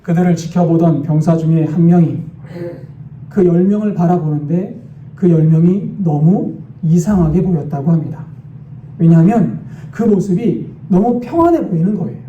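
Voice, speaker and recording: A man's voice: a little high, animated, moderate pace, warm tone, slight background noise. A male pastor preaching a sermon and telling a story vividly and dramatically. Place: church sanctuary. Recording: roomy, dull church recording from a distant mic.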